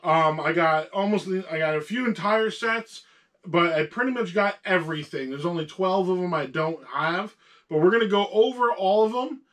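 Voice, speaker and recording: A man's voice: high-pitched, moderate pace, fairly bright tone. A man with a sore throat hosting a casual show-and-tell about his toy collection, patiently talking along with a young co-host.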